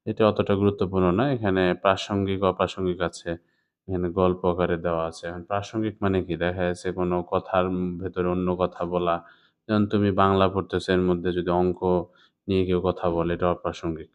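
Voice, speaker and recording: Deep-voiced Bangladeshi Bengali teacher, dull recording. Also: male voice, level tone, fast talker, clean tone. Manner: explains step by step, often asks "ঠিক আছে?". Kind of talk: exam suggestion lesson for students. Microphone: writing while talking. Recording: slightly dull lo-fi sound.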